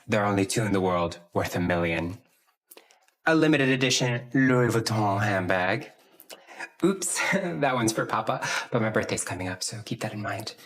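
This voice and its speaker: An actor playing a fawning, fashion-conscious assistant to a CEO in a short drama. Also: male voice, on the low side, a bit bright. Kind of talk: melodramatic short-form drama acting.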